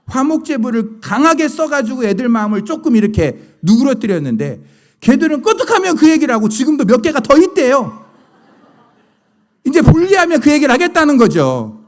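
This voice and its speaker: A man's voice: very high voice, huge pitch swings, moderate pace. A middle-aged male pastor preaching a sermon, telling stories and asking the congregation rhetorical questions.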